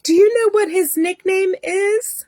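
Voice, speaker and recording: A woman voicing a gentle, reassuring female hospital nurse in a soft, motherly way. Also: extremely high pitch, unhurried, no echo, voice pushed up. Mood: soothing.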